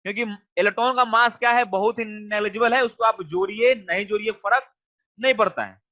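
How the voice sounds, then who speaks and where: A man teaches an online class in a high voice, repeating questions until the students answer. His voice is bright and ringing. The sound is dull and lo-fi. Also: brisk.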